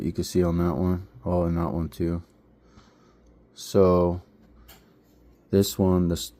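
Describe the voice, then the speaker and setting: Deep-voiced man rambling through a build. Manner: rambling, relaxed, searches for words. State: just woke up. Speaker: RC hobby vlogger. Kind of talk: casual build walkthrough.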